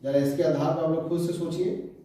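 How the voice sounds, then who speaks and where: A man teaching chemistry, who repeats key terms slowly and asks his students questions. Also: a little high, flat delivery, mellow. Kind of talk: classroom lecture. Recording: echoey room, voice from a distance.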